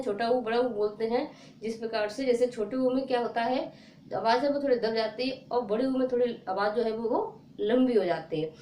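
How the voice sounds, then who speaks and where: A woman's voice: fairly high pitch, a little mellow. A woman teaching a phonics lesson to children, patient and repetitive, asking questions and answering them herself. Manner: patient, repeats words and asks questions. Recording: echoey room with faint noise.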